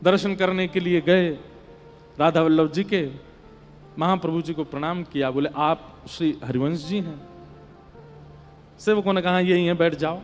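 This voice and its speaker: High-voiced man telling a devotional sermon. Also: measured pace, long pauses, soft background music. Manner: emotive, swells louder on devotional lines. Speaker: Bhagavat storyteller. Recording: long hall reverb.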